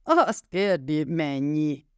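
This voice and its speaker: A raging drunk husband, slurring and snarling as he bullies a room at gunpoint, put on by a male audiobook reader. The voice pushes up high and loud with wild swings. It is close and dry with no room sound. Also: expressive, clean tone, no room sound. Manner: snarling, yelling, slurring threats. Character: drunk violent jealous husband with a gun.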